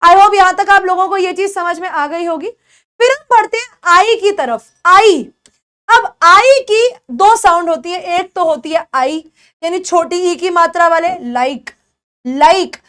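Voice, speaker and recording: A woman's voice: extremely high pitch, fairly bright tone. A young Indian woman teaching beginners English pronunciation, a Hindi speaker who says example words over and over and checks that students follow. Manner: patient, repeats example words slowly and checks understanding.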